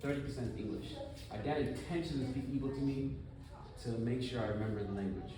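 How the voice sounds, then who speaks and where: A man from the United States giving an animated, conversational conference talk full of rhetorical questions. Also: mid-range voice, fast talker. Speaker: conference speaker. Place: conference hall. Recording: echoey room, from far off.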